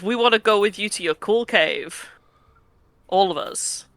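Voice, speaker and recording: A woman playing a tabletop role-playing game, speaking casually in a measured, playful way. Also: mid-range voice, fairly bright tone, dry recording. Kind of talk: casual in-character play and table chat.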